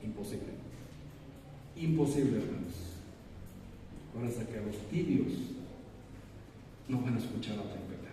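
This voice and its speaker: Pastor preaching, mellow dark voice, lots of church echo, sounds far off. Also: male voice, lowish voice, lively intonation, a little slow, pauses often, a little hiss or hum. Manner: rhetorical questions, calls the congregation brothers. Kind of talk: sermon. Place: church sanctuary. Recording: echoey church hall, preacher far from mic.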